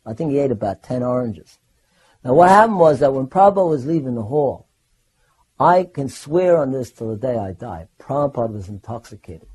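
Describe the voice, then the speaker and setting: An older man recounting personal memories in a rambling, animated way, often restarting his sentences. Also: medium pitch, husky, poor audio. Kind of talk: personal anecdote storytelling.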